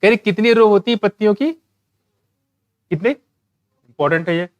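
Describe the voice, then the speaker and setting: A man teaching a biology exam-prep lecture, asking questions and answering them himself, reading English textbook lines slowly. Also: high-pitched, no echo.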